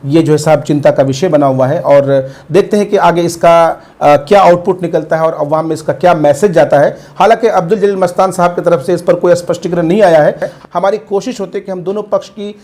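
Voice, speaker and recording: A man reporting the news to camera, explaining in a measured way. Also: on the high side, steady tone, a little mellow.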